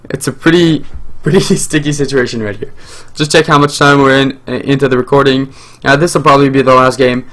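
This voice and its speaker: This gaming channel host is a young native French speaker talking live over his gameplay in a meandering way, stumbling through fillers and restarting sentences. His voice sits in the middle range and has a slightly bright quality.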